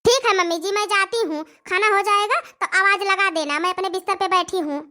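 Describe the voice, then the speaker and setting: A lazy, defiant young bride in an Awadhi cartoon, as a performer puts her on, answering back with sass. Her voice is very high, bright and piercing. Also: a little fast, full character voice. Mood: sulky. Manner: talking back, sassy. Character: cheeky young daughter-in-law, defiant and lazy. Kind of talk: cartoon comedy voice acting.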